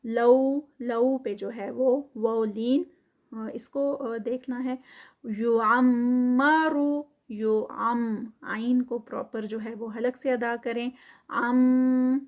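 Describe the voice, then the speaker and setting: A woman teaching Quran tajweed, reciting slowly and drawing out the words, then explaining the rules quickly. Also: a little high, steady tone, warm tone. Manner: slow drawn-out recitation between quick explanations. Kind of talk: tajweed lesson.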